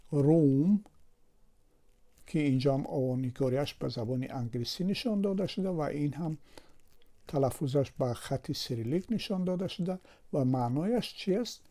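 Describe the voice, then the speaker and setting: A man with a Tajik Persian accent teaches English pronunciation from a word table. He goes slowly, says each word more than once and asks and answers his own questions. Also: medium pitch, dark tone.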